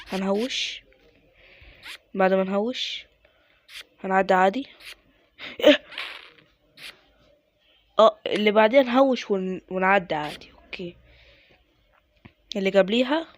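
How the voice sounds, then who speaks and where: A man with an Egyptian accent giving casual gameplay commentary, muttering to himself and mocking his own mistakes. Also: sits high. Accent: Egyptian Arabic. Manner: mutters to himself, self-mocking, with sudden exasperated outbursts. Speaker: gaming YouTuber.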